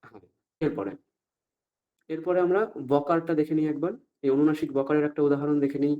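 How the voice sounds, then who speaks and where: A man teaching Sanskrit pronunciation in an online class, often stopping to ask if everyone follows and saying the examples out slowly. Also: a little high, steady tone, phone-quality sound. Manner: asks the class frequent check-up questions, slow deliberate recitation of examples.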